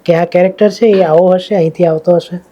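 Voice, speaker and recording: A man with a Gujarati accent hosting a podcast, asking calm questions in casual interview chat. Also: high voice, fairly quick, lo-fi sound. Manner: calm questioner, many short "hmm" backchannels. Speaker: podcast host.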